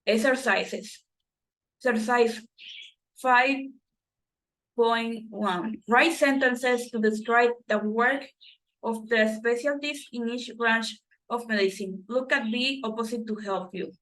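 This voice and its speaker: Slow, halting woman reading a textbook. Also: fairly high pitch, a bit bright, poor audio. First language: Spanish. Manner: halting, self-correcting reading with restarts. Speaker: student reading textbook exercises.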